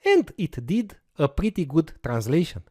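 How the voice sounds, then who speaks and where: An instructor walks through a recorded course lecture with a screen demo, explaining each step with the odd short "uh." His pitch swings hugely, his pace is a little slow, and his tone is slightly mellow. The sound is dry and close with no room echo, and his first language is Romanian.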